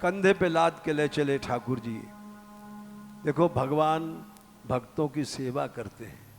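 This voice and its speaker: A man's voice: fairly high pitch, slow pace, vocal fry, soft background music. An older man, preaching a devotional story earnestly in a temple hall. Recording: live hall reverb, faint ambience.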